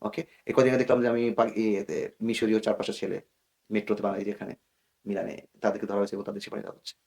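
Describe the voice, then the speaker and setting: A man's voice: lowish voice, level tone, rapid-fire, vocal fry, a little mellow, husky. A man from Bangladesh, a guest in an interview, explaining in earnest, cautionary tones and mixing English words into his speech. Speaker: guest expert.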